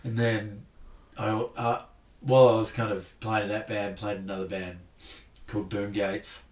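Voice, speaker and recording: A man's voice: lowish voice, little pitch movement, moderate pace, darkish tone, far from the mic. A laid-back Australian man talks in a loose, self-deprecating way, dropping "like" all through his sentences. He sits a bit back from the mic, and the room gives his voice a noticeable echo. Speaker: podcast guest. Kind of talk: casual chat. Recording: roomy sound, off-mic.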